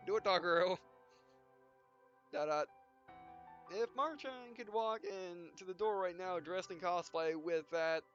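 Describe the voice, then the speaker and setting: A let's player with a fairly high, slightly bright voice reads visual novel text aloud casually and haltingly, even voicing the punctuation and speaker names, with asides along the way. The audio is dull and lo-fi, with game music clearly audible underneath.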